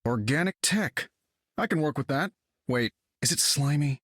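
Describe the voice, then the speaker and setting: This is video game character acting: a man voices a self-assured, wisecracking inventor superhero in a wry, casual, sardonic way. His voice is on the high side, expressive and fairly bright, delivered at a moderate pace in a studio-quality recording with no room sound.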